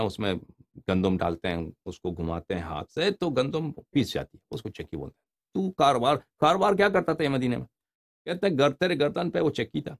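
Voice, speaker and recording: Male preacher, gravelly and animated, conversational sermon style. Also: mid-range voice. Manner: explains Arabic hadith in Urdu, animated, rhetorical questions. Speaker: religious preacher. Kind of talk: informal religious lecture.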